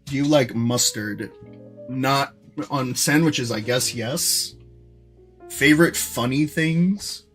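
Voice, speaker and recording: A young man streaming live, rambling casually to his chat with lots of fillers and restarts, in what he calls a monotone voice. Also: mid-range voice, slow, faint music behind. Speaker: streamer and animator.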